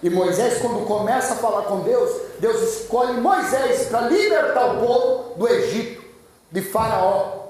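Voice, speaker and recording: A man's voice: very high-pitched, expressive, a little slow, darkish tone, a little hiss or hum. A man, a pastor, giving a fervent, emphatic sermon with a lot of repetition, preaching in a church. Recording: echoey church, far from mic.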